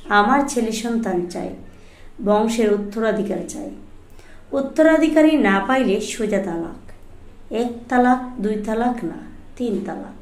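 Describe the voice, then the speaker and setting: A woman doing a blunt, scolding older mother-in-law from a storybook, her rural Bangladeshi dialect sharp and threatening. The voice sits fairly high and rings in a roomy, echoing space. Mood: angry scolding.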